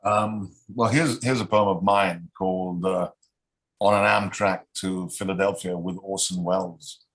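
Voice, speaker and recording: A man reading his poem in a measured way on a livestream, then thanking everyone. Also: sits low, steady tone, a bit bright, poor audio. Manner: measured, unhurried reading with filler hesitations. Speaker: poet and reading series host. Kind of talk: poetry reading.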